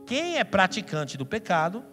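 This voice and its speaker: A man with a Brazilian Portuguese accent preaching a sermon as a pastor, emphatic and playful, breaking into loud outbursts and mock voices. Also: high voice, big pitch swings, moderate pace. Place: church hall. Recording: long hall reverb with faint music.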